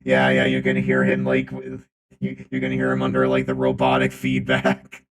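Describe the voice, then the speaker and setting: Filtered through a booming, deep, metallic robot voice changer, this male streamer chats casually, rambling and repeating himself. His delivery is completely flat at a moderate pace.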